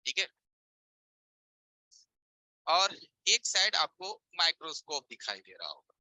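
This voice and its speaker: A man's voice: a little high, big pitch swings, measured pace, sharp tone, dry recording, poor audio. A man teaching a live online repair class, explaining with everyday examples and rhetorical check-in questions over a screen share. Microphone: voice-over on a screen-share stream.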